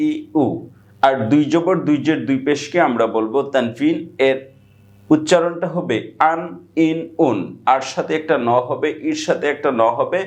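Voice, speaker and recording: A man with a Bangladeshi Bengali accent teaching Quran reading, patiently chanting letter sounds syllable by syllable in a steady rhythm. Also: on the high side. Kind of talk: slow spoken letter-by-letter drill.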